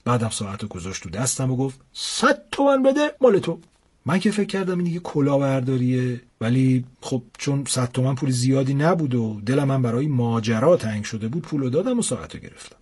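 A young man narrates a comic first-person adventure in a casual, lively way. His voice sits at middle pitch. It has a husky grain. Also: few pauses. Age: young adult.

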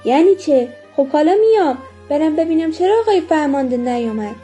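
A woman's voice: high voice, animated, mellow, faint music behind, pitched above the performer's own voice. A woman voicing a bossy male ambulance driver in a storybook reading who barks orders and scolds. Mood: impatient.

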